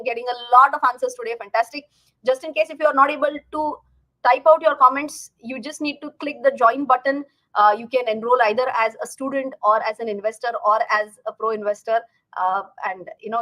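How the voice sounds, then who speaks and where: Indian lady finance teacher chatting live to her viewers, voice a bit high, repeats words for emphasis. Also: a bit bright, poor audio. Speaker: host, finance educator. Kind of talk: casual livestream talk to viewers.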